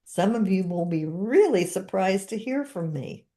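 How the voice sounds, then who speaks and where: Warm and animated, a woman in her seventies speaks at medium pitch and an unhurried pace. She's a therapist hosting a podcast, chatting informally and repeating guided phrases her guest says.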